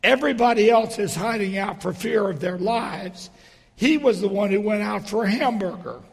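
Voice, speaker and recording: Hoarse man preaching in a stage whisper. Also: sits high. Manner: deliberate, pausing phrase by phrase. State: hoarse, losing his voice. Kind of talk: sermon with storytelling and dry humour. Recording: reverberant hall.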